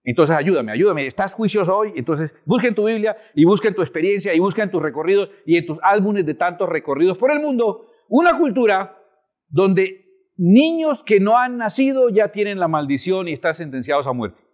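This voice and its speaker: A man delivering a sermon as a pastor, with a somewhat high voice. He keeps asking his listeners rhetorical questions and shifts his emphasis often. The sound is a bit dull and lo-fi. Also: fairly quick. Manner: rhetorical questions to the audience, lively swings in emphasis.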